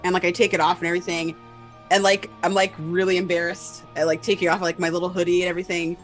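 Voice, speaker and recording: A woman's voice: fairly low pitch, flat delivery, fast, soft background music. A woman playing a tabletop game, giggly and theatrical as she hams up her character's lines. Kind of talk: playful in-character roleplay.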